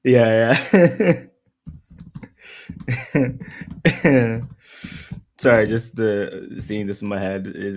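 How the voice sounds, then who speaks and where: A very low-pitched man talks casually on a livestream, his voice sitting down at the bottom of the male range. He speaks haltingly, full of ums and restarts, and laughs easily. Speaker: co-host of a writing livestream.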